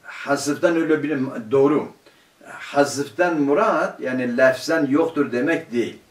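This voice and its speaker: A male teacher giving a grammar lesson to a class, putting questions to the students and answering them himself, and reading quoted classical phrases slowly. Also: medium pitch. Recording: roomy, distant room mic.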